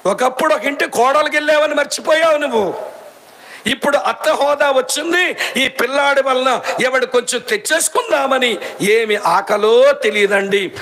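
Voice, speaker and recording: A man with a Srikakulam Telugu accent preaching a sermon, telling stories animatedly, acting out the people in them, and scolding and mocking. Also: extremely high pitch. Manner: animated storytelling, acting out quoted women.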